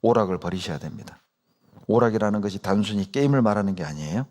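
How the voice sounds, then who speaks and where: Male pastor, lively sermon delivery with rhetorical questions and a wide pitch swing. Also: fast. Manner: emphatic preaching with rhetorical questions to the congregation; acts out complaining believers in quoted asides.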